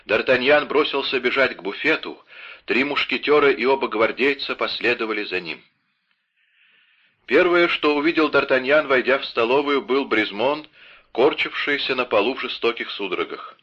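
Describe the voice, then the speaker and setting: A man's voice: medium pitch, expressive, moderate pace, pushed and bright, slightly rough. A man narrating an audiobook with dramatic reading. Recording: dull lo-fi audio.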